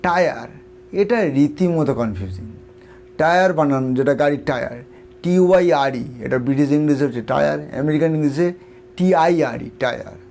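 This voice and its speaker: A man's voice: on the high side, fairly quick, gravelly, a little mellow, soft background music. A man with a Bengali accent teaching an English spelling lesson, spelling words out letter by letter and asking and answering his own questions. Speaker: English tutor. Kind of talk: explanatory lesson.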